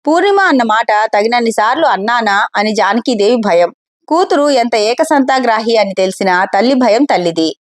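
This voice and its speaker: A woman's voice: fairly high pitch, animated, a little fast, no room sound, clean studio sound. A woman storyteller reading an audio novel, addressing her listeners directly and politely. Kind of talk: scripted audio story narration.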